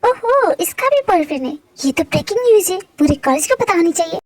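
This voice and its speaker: A woman's voice: very high voice, very animated, fast talker, no room sound. A woman voicing a gossipy, jealous young college girl in an amateur fan dub, speaking in a scheming, mocking way.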